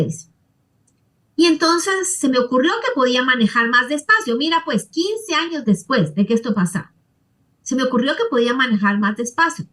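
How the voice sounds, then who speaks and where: A woman therapist, telling stories animatedly as a podcast guest. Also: high voice. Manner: animated storyteller, acts out quotes. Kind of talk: conversational interview.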